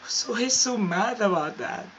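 A woman with a Filipino accent delivers a comic vlog monologue, praising herself with deadpan, mock-confident boasts. Her voice sits at a middling pitch. The recording is dull and lo-fi, with a faint hiss behind it. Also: measured pace. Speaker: vlogger.

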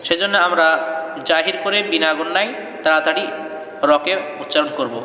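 Man chanting Quran spelling lessons, bright and echoey. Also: a little high, moderate pace, a little hiss or hum. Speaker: Quran reading teacher. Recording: echoey room with long reverb.

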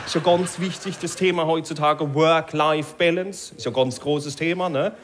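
A man's voice: fairly high pitch, fairly even intonation, normal speed. A male stand-up comedian with a Palatinate accent, chatting on stage and tagging sentences with gell. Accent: Palatinate German. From Palatinate, Germany. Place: live stage before an audience.

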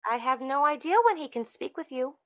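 An actress playing a smug, obstructive office receptionist who talks in an officious, condescending way in a comedic short film. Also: female voice, high-pitched, a bit bright, dull audio. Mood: haughty, officious. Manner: officious, condescending, deliberately obtuse.

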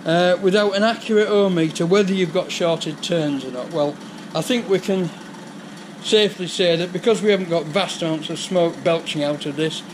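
A man's voice: high-pitched, moderate pace, background noise. An older man with a Yorkshire accent, chatting through a repair in his garage workshop on a head-worn camera. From England. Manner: chatty, explaining repairs step by step. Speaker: vlogger. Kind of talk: casual workshop vlog. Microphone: head-mounted action camera.

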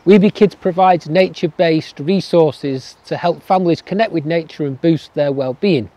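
A man's voice: a little high, moderate pace, warm tone, no echo. A middle-aged man from England, walking through an outdoor cooking tutorial in a friendly, step-by-step way, recorded outdoors in woodland. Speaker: family nature educator.

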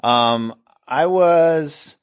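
A man's voice: fairly high pitch, very slow, clean tone. A middle-aged man from Northern California, an actor guest chatting casually in an interview, rambling and self-deprecating with restarts.

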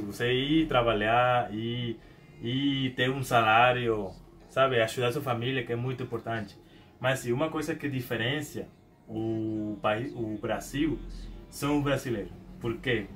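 A young man from Venezuela with a Venezuelan Spanish accent, a Spanish native speaker, talking casually to camera in a small room at home, hesitant with many restarts and repeated words. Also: mid-range voice. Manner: animated hand gestures. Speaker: YouTuber.

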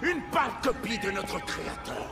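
A fervent video game street preacher who rails against machines in a high, strained, shouting voice. He preaches in grand, declamatory lines. Game music plays clearly beneath him. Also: big pitch swings, normal speed, far from the mic, exaggerated voice. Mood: preaching. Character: fiery male street preacher ranting against androids. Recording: game audio with music behind.

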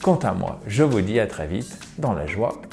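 A man's voice: on the low side, sing-song, normal speed, vocal fry, mellow, faint music behind. A man giving a video lesson on English, speaking with energy and emphasis. He talks straight to his viewers as dear friends and carefully demonstrates how English words should sound. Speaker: English teacher.

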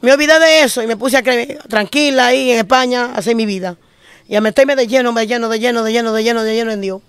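A woman pastor with a Dominican Spanish accent, telling her testimony with emotion and repeating phrases in quick bursts. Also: fairly high pitch, clear, resonant tone, no room sound. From Dominican Republic. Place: living in Spain.

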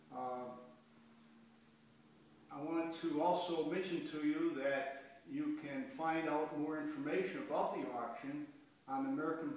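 Older male bladesmith, unscripted talk to camera; roomy echo, camera set back, faint room hiss. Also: medium pitch. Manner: plain-spoken, pauses with frequent uhs. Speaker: master bladesmith. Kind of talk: unscripted spoken presentation. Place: living room. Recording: echoey room, far from camera.

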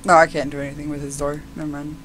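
A woman's voice: low-pitched, little pitch movement, fast talker, a little hiss or hum. A woman playing a horror game, talking to herself in a jittery, giggly way. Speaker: gamer.

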